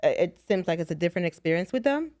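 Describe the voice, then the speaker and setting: A woman's voice: fairly low pitch, expressive, rapid-fire, darkish tone, no echo, clean studio sound. A woman hosting a casual podcast chat with friends, asking many questions. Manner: chatty, asks many questions. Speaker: podcast host.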